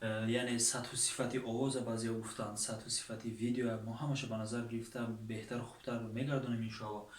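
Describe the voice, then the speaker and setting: A man's voice: medium pitch, flat delivery, few pauses, a little hiss or hum. A man with a Tajik accent teaching English online, giving plain, patient explanations with many fillers. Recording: echoey room from far off.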